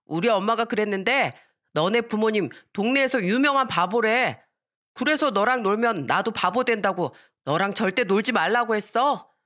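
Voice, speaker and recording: A woman's voice: medium pitch, expressive, moderate pace, fairly bright tone, voice pushed up, lightly acted. A woman voicing a nine-year-old boy who taunts and mocks. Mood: taunting. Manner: mocking, taunting.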